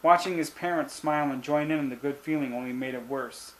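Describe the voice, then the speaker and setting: A man's voice: a little high, brisk, poor audio. A man reading his own short story aloud, lifting quoted lines only a little.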